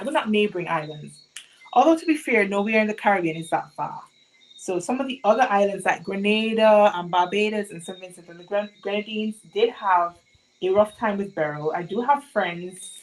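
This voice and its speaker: A young woman from Montserrat, with a Montserratian accent, speaks at a medium pitch on a rough recording. During her sewing livestream she's chatty, talking with viewers and asking the chat lots of questions.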